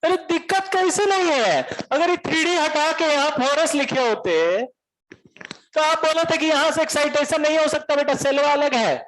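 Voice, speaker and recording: A man voicing an indignant young male Bihari student with a Bihari accent, protesting loudly in a classroom lecture. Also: high-pitched, rough recording. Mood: indignant shouting. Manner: loud, protesting, rapid complaints.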